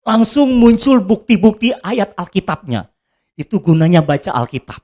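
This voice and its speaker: A man's voice: sits high, sing-song, normal speed, a little mellow. A man preaching a sermon as pastor, joking and acting out prayers and quotes dramatically.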